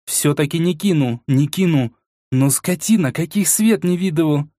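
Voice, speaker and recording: A man's voice: a little high, moderate pace, warm tone, no echo, clean studio sound, lightly acted. A man reading an audiobook and voicing a furious young woman clan leader who screams and swears.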